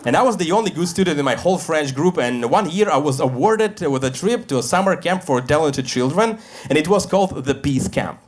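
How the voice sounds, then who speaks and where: A Russian-born man in his thirties performs stand-up on stage, his voice sitting a little higher than most men's. He delivers his stories with a dry, deadpan edge and throws in quick asides. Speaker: stand-up comedian. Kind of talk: stand-up comedy set. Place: stage before a live audience.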